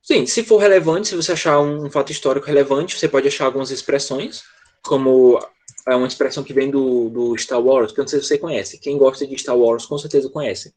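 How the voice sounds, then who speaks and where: A man's voice: medium pitch, steady tone, brisk, a little mellow. A man teaching English in an online class, explaining step by step and checking often that students follow. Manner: explanatory, with frequent "tá?" check-ins.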